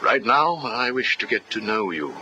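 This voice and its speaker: An actor playing a calm, coolly menacing prison psychiatrist, heard as a video game interview tape recording. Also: male voice, on the low side, normal speed, lo-fi sound. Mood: cold. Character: cold, probing male prison psychiatrist. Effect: played from a hissy interview tape recording.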